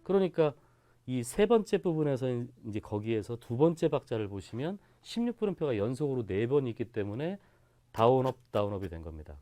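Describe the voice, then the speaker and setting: A man's voice: medium pitch, warm tone. A man teaching a guitar lesson, patiently explaining rhythms and counting strokes aloud in a sing-song way. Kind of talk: instructional lesson.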